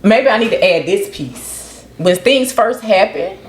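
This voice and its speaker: A woman co-hosting a casual podcast chat, animated and questioning, speaking. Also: mid-range voice, unhurried, slight background noise. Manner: animated, questioning, often quotes others in a raised voice. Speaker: podcast co-host.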